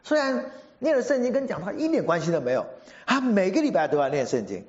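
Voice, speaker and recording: A male preacher giving a sermon, telling a story in an animated way and acting out what people said. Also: high-pitched, fast, muffled recording. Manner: animated storyteller, acts out quotes.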